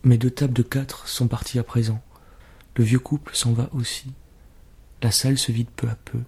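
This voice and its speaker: A man narrating a literary short story in a calm, measured way. His voice is gravelly and raspy, at an ordinary pitch.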